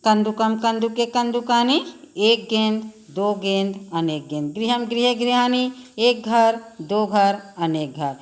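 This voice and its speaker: Patient woman teacher reciting word drills. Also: slow pace. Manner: recites word forms in a sing-song drill, dropping in pitch at each list's end; addresses children directly, patient and instructive. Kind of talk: lesson.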